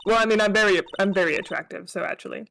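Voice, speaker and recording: A woman's voice: medium pitch, steady tone, very fast, creaky, fairly bright tone, poor audio. A woman voicing a self-assured but flustered female defense attorney in a comedic courtroom game read-along.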